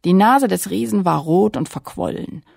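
A woman reading a children's story aloud with lively, playful narration. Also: fairly low pitch, normal speed, gravelly, dry recording, studio quality.

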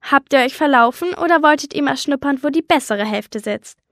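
A woman's voice: high voice, brisk, fairly bright tone, dry recording, clean studio sound. A woman reading the lines of a smug, rude man on a plane, in a mocking, condescending tone. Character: smug, rude tall man, airplane passenger.

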